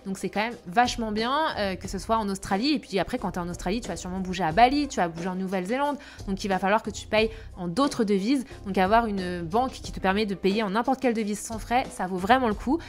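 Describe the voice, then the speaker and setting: A woman's voice: mid-range voice, fast, hardly any pauses. A young woman giving casual travel tips in a chatty way, with frequent hesitations. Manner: chatty, many filler hesitations. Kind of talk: casual chat to camera.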